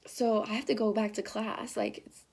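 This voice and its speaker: Excited teenage girl telling a story. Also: fairly high pitch, normal speed, creaky, slightly rough. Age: teens. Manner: excited, rambling with frequent "like" and "um". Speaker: high school student telling a story. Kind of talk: casual storytelling.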